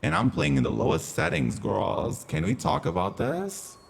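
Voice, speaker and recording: A man's voice: fairly high pitch, huge pitch swings, normal speed, gravelly, slightly rough. A man streaming a game through a voice changer, chatting casually and campily with his viewers. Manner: chatty, campy, playful. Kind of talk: casual live-stream commentary.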